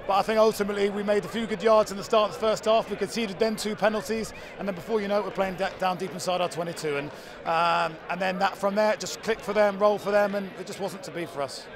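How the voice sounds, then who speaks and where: A young man, a rugby head coach, giving a frank post-match interview outdoors beside the pitch, quickly repeating words as he talks. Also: steady tone. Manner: rapid, repeats words, frank about defeat. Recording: crowd noise outdoors.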